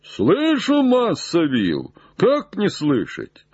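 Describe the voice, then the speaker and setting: A man voicing an old male servant, simple and sly, calling down in high drawn-out shouts. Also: wildly swooping pitch, breathy edge, no room sound, dull audio, heavily acted. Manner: high drawn-out calls from far up a tree.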